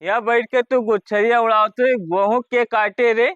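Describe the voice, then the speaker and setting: Man acting a high-pitched quarrelsome village drunk husband. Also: fairly even intonation, moderate pace, fairly bright tone, smooth, no room sound, highs cut off. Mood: bossy. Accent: Awadhi. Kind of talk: rural comedy skit acting.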